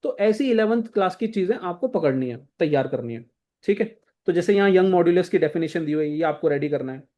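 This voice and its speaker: A man's voice: high-pitched, expressive, brisk, warm tone. A young man coaching students for an exam, going through textbook chapters in a casual, directive way and often checking in with his listeners. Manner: casual, directive, repeats "thik hai" to check in. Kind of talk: exam-prep lesson walking through a textbook.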